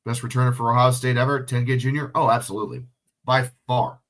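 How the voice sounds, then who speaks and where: A livestream commentator calls a football game solo, talking fast in a mid-range voice with fairly even intonation. He sounds sick and sniffly, swears freely, and chats casually with viewers while answering their questions.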